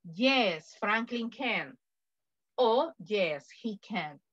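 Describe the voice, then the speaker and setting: Slow, patient Latin American woman teacher. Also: mid-range voice, expressive, fairly bright tone, no room sound, highs cut off. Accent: Latin American Spanish. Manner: slow, patient, repeats example answers. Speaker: English teacher. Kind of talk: online class explaining grammar.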